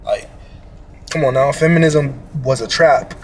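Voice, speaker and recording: A man of medium pitch co-hosts a casual reaction commentary, taking his time as he talks. Slight background noise is present while he rambles in slangy storytelling aimed straight at his viewers.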